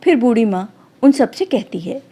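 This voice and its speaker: A woman calmly narrating a devotional folk story as a storyteller. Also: fairly high pitch, normal speed.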